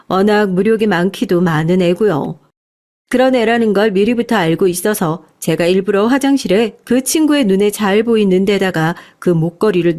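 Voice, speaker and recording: A woman narrating a dramatic family story in a calm, measured way. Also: mid-range voice.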